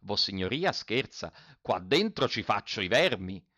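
A man voicing a sly, placid tinker who answers in a slow, mocking way. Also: lowish voice, very animated, sharp tone, no room sound, highs cut off, full character voice. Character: sly placid male tinker inside a jar.

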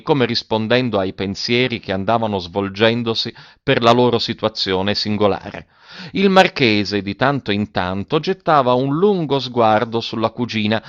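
A man narrating a literary novel in a measured, expressive reading. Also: fairly low pitch, no echo, muffled recording. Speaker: audiobook reader.

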